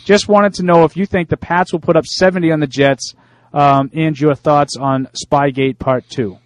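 This Italian-American man co-hosts a sports talk show, keeping things conversational and stumbling over lots of fillers as he reads out emails from listeners. He speaks with a fairly high pitch and a steady tone.

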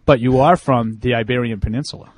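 A man's voice: mid-range voice, quick pace, breathy edge, dry recording. A man co-hosting a casual sports radio talk show, reeling off stats and needling his co-hosts. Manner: quotes stats with a joking, needling edge.

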